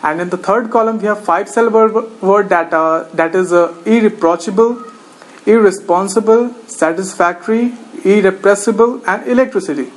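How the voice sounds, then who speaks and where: Teacher doing a recorded lecture, reads word lists one by one, steady and methodical. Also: medium pitch, normal speed, rough recording.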